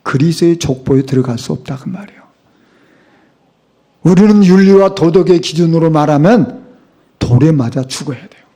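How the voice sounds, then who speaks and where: In a church sanctuary, a middle-aged pastor preaches emphatically, putting rhetorical questions to the congregation. His voice is on the high side and mellow, at a normal speed with frequent pauses.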